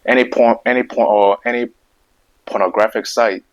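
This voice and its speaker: The audio is dull, and the speaker is a video host with a medium-pitched, steady voice at normal speed. In his casual opinion monologue to camera, he stutters, repeats words, and stresses emphatic points over and over.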